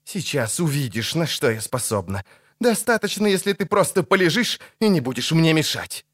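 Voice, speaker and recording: A man's voice: a little high, sing-song, normal speed, a bit bright, pitched above the performer's own voice. A man voicing a proud sorceress who speaks coldly and mockingly in an audiobook. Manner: hissing, cold and mocking. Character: cold, proud sorceress, woman.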